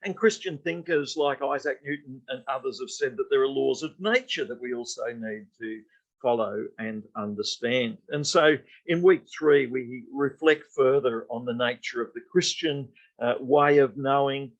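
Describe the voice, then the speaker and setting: A man lecturing to a class in a mid-pitched voice. He talks off the cuff, with many ums and uhs and restarted sentences. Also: moderate pace, muffled recording. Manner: unscripted, with frequent fillers and restarts. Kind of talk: college lecture.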